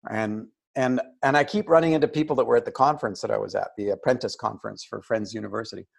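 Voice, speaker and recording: A man's voice: on the low side, fast talker, creaky, slightly rough. An older man, a guest on a video call, telling a story casually and acting out the voices of people he quotes. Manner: animated, acts out quoted voices. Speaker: interview guest.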